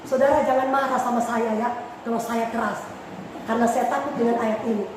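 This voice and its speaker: A woman pastor preaching a sermon with passion, swinging from soft pleading to shouted warnings. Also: fairly high pitch, steady tone, brisk. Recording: echoey hall, mic far off, noisy.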